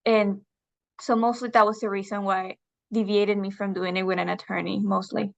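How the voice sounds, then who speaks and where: A young woman from Venezuela, a guest in a video interview, answering thoughtfully with hesitant filler pauses. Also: mid-range voice, level tone, gravelly. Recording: slightly dull lo-fi sound.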